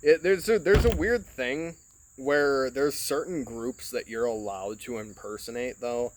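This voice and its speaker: This Michigan podcast host talks in an unhurried, mid-range voice, rambling casually into his phone. He swears a lot and leans heavily on "like" and "you know." The recording is dry and low in quality.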